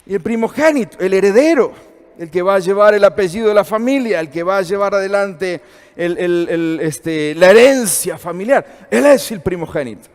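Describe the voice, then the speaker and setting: A man's voice: sits high, animated, moderate pace, a little mellow, long reverb tail. A man in his fifties with an Argentine accent, teaching a church seminar in a conversational way and asking the audience questions. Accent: Argentine Spanish.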